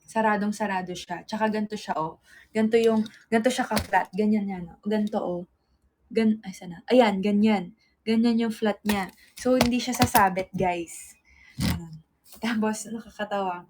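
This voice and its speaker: A woman chatting casually on a livestream, mid-pitched and easygoing. She tells stories straight into her phone camera, calls her viewers guys and laughs often. A faint hiss sits behind her voice. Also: steady tone, normal speed, a little mellow.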